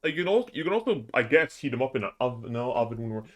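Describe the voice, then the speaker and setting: Rambling, excitable male streamer. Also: mid-range voice, fast. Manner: rambling, excitable, self-correcting. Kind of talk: casual live-stream chatter.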